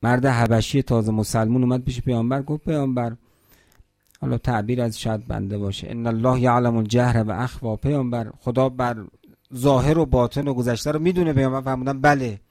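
A man's voice: mid-range voice, fairly even intonation, darkish tone, dry recording, clean studio sound. A man preaching a religious sermon at a mourning gathering, emphatic, asking rhetorical questions and quoting scripture in Arabic.

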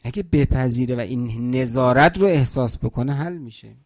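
Gravelly-voiced male preacher, emphatic sermon. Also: medium pitch, darkish tone, no room sound, studio quality. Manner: emphatic, asks rhetorical questions, quotes Arabic scripture. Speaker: preacher at a mourning gathering. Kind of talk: religious sermon.

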